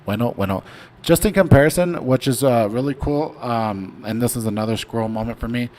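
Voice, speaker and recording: A man's voice: mid-range voice, a little fast, a little mellow. A young man hosting a casual trading livestream, talking loosely with lots of fillers and slang. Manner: laid-back, rambling, slangy with many fillers. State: hiccuping. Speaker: stock trading stream host. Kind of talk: casual livestream chart talk.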